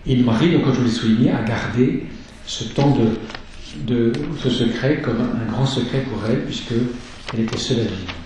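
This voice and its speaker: A man's voice: mid-range voice, darkish tone, recorded from a distance, slight background noise. Man preaching in an echoey church. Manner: slow, measured teaching with scripture reading. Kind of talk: sermon.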